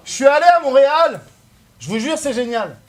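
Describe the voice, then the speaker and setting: A French man delivering mocking, loud rap battle verses aimed at his opponent. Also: very high voice, animated, brisk, a loud crowd, heavy background noise. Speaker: battle rapper.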